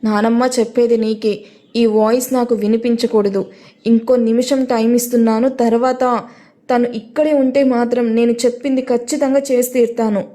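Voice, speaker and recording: A woman's voice: a little high, little pitch movement, normal speed, dark tone, lightly acted. A woman voicing a furious, tearful young wife. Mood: angry. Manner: angry, tearful.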